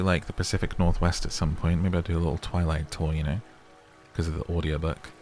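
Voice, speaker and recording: Easygoing and chatty, a deep-voiced gaming YouTuber narrates his relaxed run through a calm exploration game, occasionally speaking to his viewers. Gentle game music plays clearly in the background.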